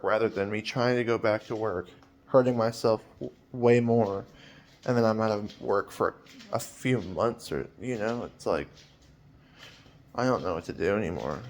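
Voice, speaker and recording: A man in his twenties talking in a personal vlog, hesitant and rambling with many fillers, sounding weary and anxious. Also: medium pitch. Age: 20s.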